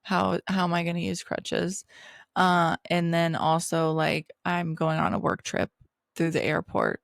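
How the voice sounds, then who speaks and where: A woman's voice: lowish voice, unhurried, vocal fry, no room sound, studio quality. A young adult woman hosting a podcast, telling a personal story in a casual, chatty way with lots of "like" and laughter. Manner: chatty, heavy use of "like", laughs while telling stories. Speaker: podcast host.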